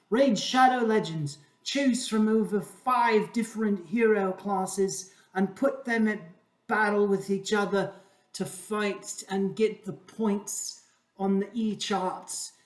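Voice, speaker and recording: A man's voice: high voice, slow, echoey room, recorded from a distance, pitched above the performer's own voice. A man putting on a hyped fake-British YouTuber ad voice. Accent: put-on British. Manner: over-the-top hype. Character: mock-British YouTuber reading a sponsor ad.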